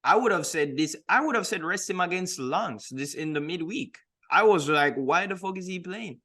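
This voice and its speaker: A podcast co-host on a casual football show talks in a slangy, emphatic way, repeating words for stress. His voice is high-pitched, animated, pushed and bright, at a moderate pace.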